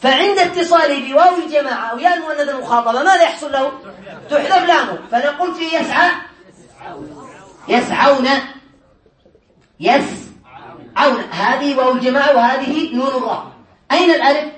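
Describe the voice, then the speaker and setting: A man teaching a grammar class, questioning his students by name in a brisk, teasing way. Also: extremely high pitch, fairly bright tone. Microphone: distant room mic. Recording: echoey classroom, voice from far off.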